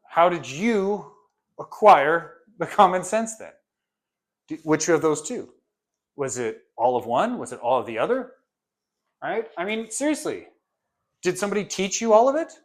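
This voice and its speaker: Chatty male lecturer, slightly high voice. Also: expressive, normal speed, pauses often. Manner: conversational, asks many rhetorical questions; briefly acts out imagined students and parents. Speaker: course instructor. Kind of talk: casual lecture.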